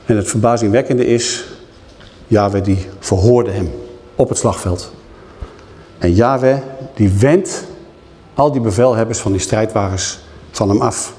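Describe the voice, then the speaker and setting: Man, sermon, chatty preaching, mellow dark voice, long hall reverb. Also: lowish voice. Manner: conversational, frequent tag questions.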